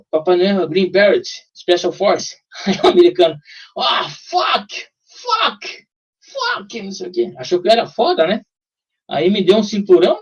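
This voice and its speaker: A man telling a war story casually, animated, slangy and profane, acting out the shouts of others. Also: medium pitch. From Brazil. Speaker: guest telling war stories. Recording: dull lo-fi sound, slightly distant mic.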